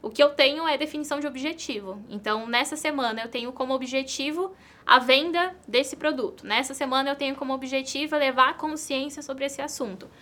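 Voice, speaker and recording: Bright, high-voiced Brazilian woman. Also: fairly quick. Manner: earnest, repeats key phrases for emphasis. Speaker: entrepreneur and content creator. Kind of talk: interview answers.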